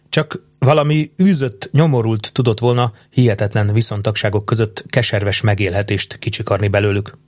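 A man reading an adventure novel aloud in a steady, measured narration. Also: lowish voice, dry recording. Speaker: audiobook narrator. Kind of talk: scripted narration.

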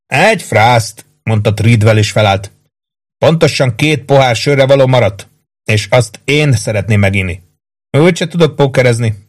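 A lazy, good-natured heavyset private speaking in a slow, resigned way, as a male narrator reads him. A plain mid-pitched audiobook character voice. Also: animated, close to an everyday voice.

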